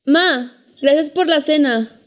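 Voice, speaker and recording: Hushed young woman in distress. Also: sits high, slow pace, background noise. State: anxious and panicky. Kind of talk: scripted drama acting.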